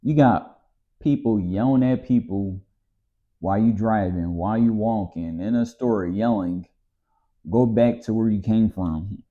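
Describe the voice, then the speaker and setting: Low-voiced and unhurried, a Southern-accented American vlogger from the United States airs a tired, irritated rant in an informal monologue. The slightly dull, lo-fi audio frames his measured delivery.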